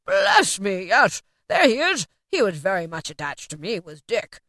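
A woman's voice: low voice, expressive, a little fast, no room sound, studio quality. A woman voicing an emotional old man stirred by memories, with a fervent, exclamatory delivery. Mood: wistful delight.

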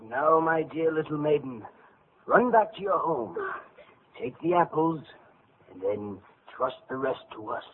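A man's voice: a little high, expressive, measured pace. An actor voicing a fatherly elder spirit of the months in a vintage radio play, commanding and reassuring. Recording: tinny noisy old radio broadcast.

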